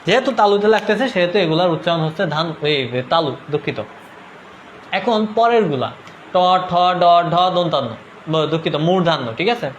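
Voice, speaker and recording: High-voiced young Bangladeshi man teaching. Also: expressive, normal speed, a little hiss or hum. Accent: Bangladeshi Bengali. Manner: casual, repeatedly urges viewers to comment; checks understanding with "ঠিক আছে?". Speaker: online tutor. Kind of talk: live-stream lesson.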